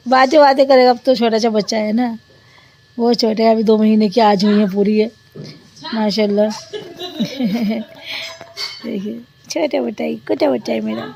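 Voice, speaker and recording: A woman walks through her home, chatting into her phone camera. She talks in a warm, doting way and coos at the little ones between remarks on the kitchen. A light hiss lies behind her voice. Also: a little high, steady tone, moderate pace. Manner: chatty, coos and baby-talks with small children. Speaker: family vlogger. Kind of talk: casual home vlog narration. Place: home kitchen and living room.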